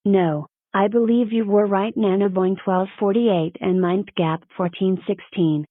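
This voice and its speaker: A woman's voice: mid-range voice, fairly even intonation, measured pace, no room sound, narrow, tinny audio, lightly acted. A synthetic-sounding woman voicing a stern, matter-of-fact cartoon schoolteacher with formal delivery. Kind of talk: scripted cartoon dialogue.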